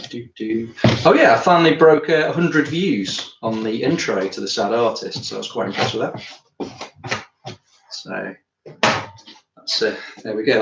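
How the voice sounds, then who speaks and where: A man's voice: medium pitch, creaky, fairly bright tone. A British man, an artist chatting casually on a live stream while he works, rambling and thinking aloud, a bit tired after climbing. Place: art studio. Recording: roomy studio with faint noise.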